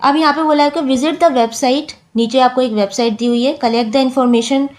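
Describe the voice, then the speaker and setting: A woman teacher who reads English lines slowly, then explains them patiently in Hindi and counts syllables out loud. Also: sits high.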